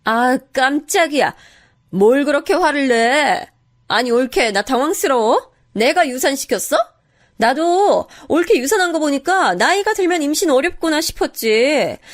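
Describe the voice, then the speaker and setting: A rude, self-centered sister-in-law who snaps back defensively, voiced by a woman for a storybook. Her voice is high and swings widely in pitch. She sounds blunt and indignant. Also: expressive, unhurried. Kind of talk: storybook voice acting.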